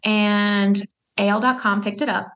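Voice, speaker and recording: A woman's voice: medium pitch, fairly even intonation, a bit bright, muffled recording. Chatty young woman from Alabama. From Huntsville, Alabama. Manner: chatty storyteller, quick asides, many fillers. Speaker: guest. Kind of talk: casual interview chat.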